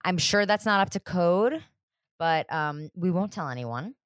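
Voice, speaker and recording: Gushing young woman, lively low voice. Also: unhurried, clean tone, no room sound, studio quality. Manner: gushing, self-mocking, breaks into laughter. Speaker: podcast co-host. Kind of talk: casual chat recapping a TV show.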